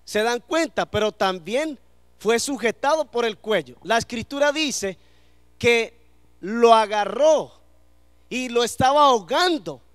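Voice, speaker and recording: A man's voice: very high-pitched, lively intonation, measured pace, a bit bright, clear, resonant tone, no echo. A man preaching a sermon to a congregation in church, asking them questions and letting them answer.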